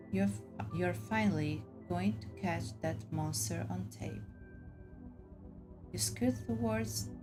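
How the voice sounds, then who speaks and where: A woman reading story game narration aloud in a dramatic storybook way, occasionally stumbling on words. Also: medium pitch. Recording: music bed under the voice. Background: clear background music.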